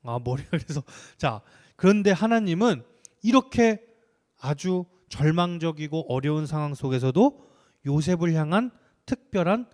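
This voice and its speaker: A young man preaching to children, telling a story in an animated way and asking them questions as he goes. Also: on the high side, moderate pace.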